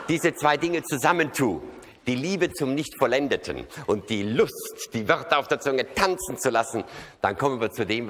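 Wry Rhineland comedian on an opera stage. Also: male voice, lowish voice, fairly bright tone. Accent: Rhineland German. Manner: wry, chatty, lots of tag questions. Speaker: cabaret comedian. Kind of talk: live stage comedy monologue. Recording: live hall recording, long reverb, faint noise.

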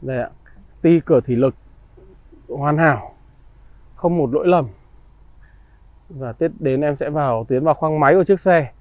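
A man presents a used car in a slick salesman's patter. His voice sits a little high and is recorded dry and close. He stays polite and reassuring, full of praise for what he is selling. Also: moderate pace, pauses often, darkish tone, no room sound, poor audio. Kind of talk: car walkaround sales pitch. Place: outdoors beside and inside a parked car.

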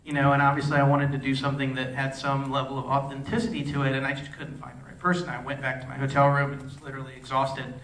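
A film director answering audience questions at a festival Q&A, rambling, restarting sentences and using many fillers. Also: male voice, mid-range voice, monotone, fast, few pauses, fairly bright tone, a little hiss or hum. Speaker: film director at a post-screening Q&A. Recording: echoey hall, voice from far off.

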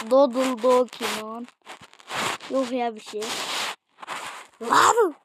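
A woman casually commenting on her own gameplay, excitable and slangy, often yelling at what happens on screen. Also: a little high, noisy background. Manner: excitable, slangy, yells at the game. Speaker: gaming channel host.

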